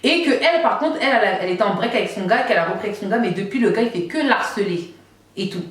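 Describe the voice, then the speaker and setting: A woman in her thirties tells a personal story in a loose, chatty monologue, slipping into the voices of the people she quotes. Her voice sits at an ordinary middle pitch. It is picked up from a distance and rings through a strongly echoing room. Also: animated, rapid-fire. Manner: chatty retelling, acts out quoted dialogue, many fillers. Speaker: vlogger telling a personal story. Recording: very echoey room, voice far from the mic.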